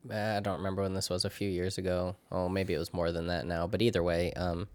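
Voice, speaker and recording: A man co-hosting a podcast in casual chat, joking and animated, laughing often. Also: deep voice, fast, no room sound. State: out of breath. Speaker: podcast co-host.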